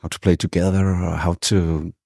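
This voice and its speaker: Danish male musician, deep voice, casual interview guest, halting delivery, dry close sound. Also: flat delivery, gravelly, dark tone, no echo. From Denmark. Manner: hesitant, with many restarts.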